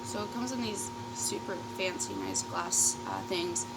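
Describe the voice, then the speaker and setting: Female vlogger, mid-range pitch, informal and sweary, rambling storytime chat with trailing thoughts, clearly noisy recording. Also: huge pitch swings, measured pace. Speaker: YouTube vlogger. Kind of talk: casual rambling storytime chat while eating.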